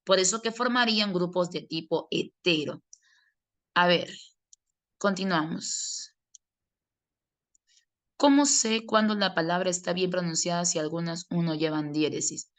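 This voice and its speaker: A middle-aged woman, teaching a grammar lesson to students preparing for exams. Her voice sits a little low. She explains step by step and often answers her own questions in a student's voice. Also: measured pace, pauses often, fairly bright tone. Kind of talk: online class lecture.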